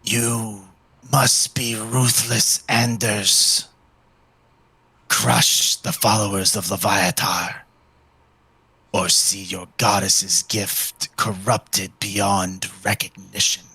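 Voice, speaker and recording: A man voicing an urgent serpent spirit of plague, speaking in a drawn-out, ominous way as a game master. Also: lowish voice, steady tone, bright, forceful tone, husky, no echo, heavily acted. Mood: urgent, angry. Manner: slow, drawn-out, ominous urging.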